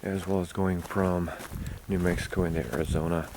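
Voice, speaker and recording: A man casually narrating an outdoor hiking vlog to his viewers on a windy high ridge, recorded on a handheld camera with wind noise. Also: flat delivery, a little fast. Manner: informal, addressing viewers as "guys". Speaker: hiking vlogger.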